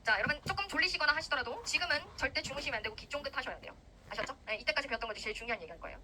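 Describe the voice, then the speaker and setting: Young woman, grammar lecturer: high, fast and animated, acts out her examples. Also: slight background noise, low-quality recording. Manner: lively, animated, acts out grammar parts in quarrelling voices. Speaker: English grammar teacher for civil service exam students. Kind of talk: recorded lecture.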